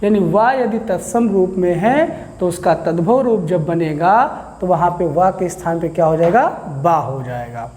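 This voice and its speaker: A man's voice: sits high, moderate pace, few pauses, darkish tone, in a large hall. A man teaching Hindi grammar to a class, who asks questions and answers them himself. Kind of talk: classroom lecture.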